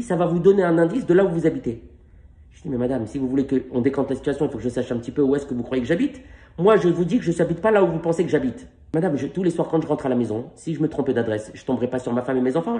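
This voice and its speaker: Middle-aged male comedian, rapid-fire animated storytelling, slightly high voice. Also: roomy sound. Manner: animated, acts out phone calls in quick back-and-forth. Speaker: stand-up comedian. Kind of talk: stand-up storytelling. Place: stage.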